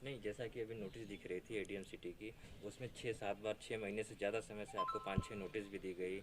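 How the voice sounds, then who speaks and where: A man's voice: lowish voice, steady tone, a little fast, very noisy. A man working as a reporter, putting insistent, pressing questions in an unscripted news interview.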